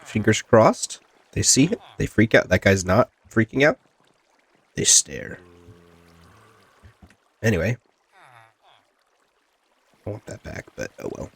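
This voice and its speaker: Still recovering from illness, this man sounds congested and stuffy-nosed, his lowish voice creaky, slightly rough and a bit bright. He hosts a gaming video, rambling casually, muttering to himself and chatting with the game's characters, all in a dry recording.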